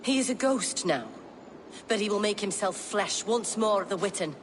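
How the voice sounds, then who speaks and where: An actress playing a defiant, devout zealot in a video game, speaking with haughty fervour. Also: female voice, medium pitch, lively intonation, moderate pace, close to an everyday voice. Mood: fervent defiance. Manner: haughty, fervent. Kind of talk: video game character acting. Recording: clear background noise.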